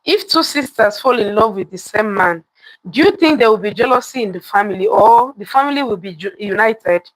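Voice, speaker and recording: Her mid-range voice has lively intonation and a fairly quick pace, captured in a rough recording without echo. As a live storytelling host, she tells a folktale interactively, addressing viewers, posing questions and repeating lines for emphasis.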